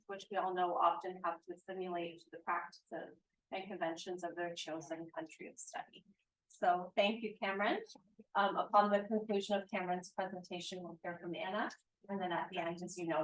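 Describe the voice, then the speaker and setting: A woman's voice: on the low side, rough recording. Woman chairing a conference session. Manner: friendly, slightly hesitant with fillers. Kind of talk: introducing a conference speaker. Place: conference room.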